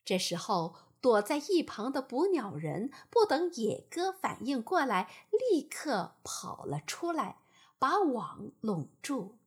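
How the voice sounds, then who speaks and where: A woman narrating bedtime stories slowly and gently. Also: a little high, sing-song, breathy edge. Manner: slow and gentle. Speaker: storyteller.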